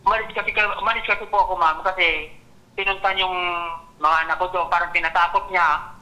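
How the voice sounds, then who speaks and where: A man speaking haltingly in a phone interview, adding "ma'am" after nearly every phrase. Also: sits high, steady tone, bright, forceful tone, low-quality recording. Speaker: complainant caller.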